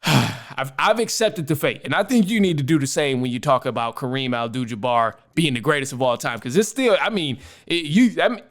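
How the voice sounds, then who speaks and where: A man's voice: a little high, a bit bright. A man hosting a sports talk show, giving casual, slangy opinions with emphatic repetition. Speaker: sports show host answering voicemails.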